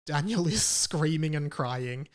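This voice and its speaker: A podcast host tells a personal story casually and comedically, with dramatic emphasis, repetition and casual swearing. His voice is fairly high, animated and slow.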